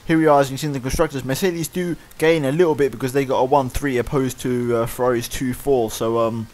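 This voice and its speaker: A man giving fast play-by-play commentary over his own racing game. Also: mid-range voice. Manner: fast excited play-by-play, winding down later. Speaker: gaming YouTuber. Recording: loud racing game engine noise behind.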